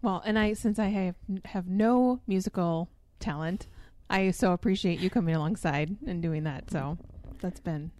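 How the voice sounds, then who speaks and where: A woman's voice: lowish voice, normal speed, few pauses, darkish tone. A woman hosting a faith podcast, speaking in a friendly, conversational way. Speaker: podcast host. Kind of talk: casual chat.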